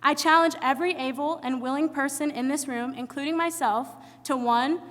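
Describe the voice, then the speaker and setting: A woman's voice: high voice, normal speed, fairly bright tone. A young woman student emcee giving an earnest prepared speech and introducing a guest. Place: large hall with audience. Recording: long hall reverb.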